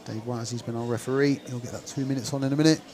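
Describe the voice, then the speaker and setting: A fast-talking man with a slightly mellow, mid-range voice and fairly even intonation commentates on speedway live. His West Country English accent carries chatty, think-aloud remarks as stream host, while the outdoor stadium crowd murmurs in the background.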